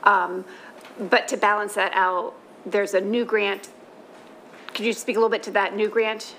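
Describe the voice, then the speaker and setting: A woman chairing a formal public meeting, asking questions in measured, halting phrases. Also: medium pitch, flat delivery, a bit bright. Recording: faintly noisy meeting room.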